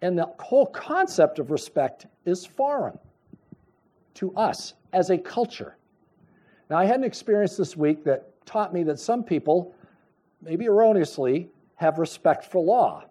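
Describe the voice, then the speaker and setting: A middle-aged man preaching a sermon, telling a personal story with lively storytelling and acted-out dialogue. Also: high voice, unhurried. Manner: animated storytelling, acts out dialogue, chuckles. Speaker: pastor.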